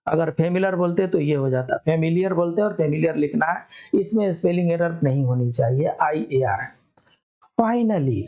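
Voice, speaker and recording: A teacher with a warm, mid-range voice gives a spelling lesson to exam students. She works through it step by step and answers her own questions as she goes.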